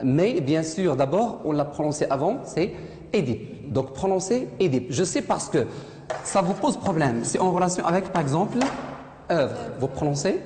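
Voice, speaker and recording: A woman's voice: low voice, expressive, normal speed. A woman teaching a French lesson to a class, asking questions, repeating students' answers and correcting their pronunciation. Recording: echoey classroom with loud noise.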